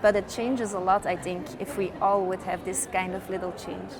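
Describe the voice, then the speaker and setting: At a busy trade fair with crowd noise behind her, a Dutch-native woman working as a sustainability consultant answers interview questions. Her voice is medium-pitched and flat at a moderate pace, yet she comes across as earnest and upbeat, explaining things step by step.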